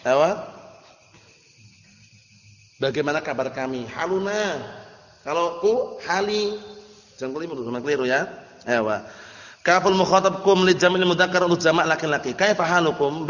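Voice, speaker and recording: A man's voice: on the high side, normal speed, fairly bright tone. A male Arabic teacher with an Indonesian accent, running a classroom lesson and drilling his students with repeated questions. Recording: roomy muffled hall recording.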